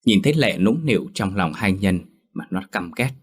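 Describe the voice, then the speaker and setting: A man with a low voice narrating a scripted ghost story, steady and dramatic. He voices every character himself between passages. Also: moderate pace, breathy edge.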